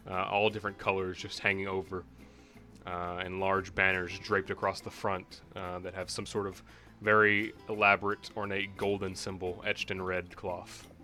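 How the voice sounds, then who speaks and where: A man's voice: deep voice, little pitch movement, moderate pace, sharp tone. A man narrating a tabletop game as game master, improvising scene descriptions in an informal way. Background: guitar music.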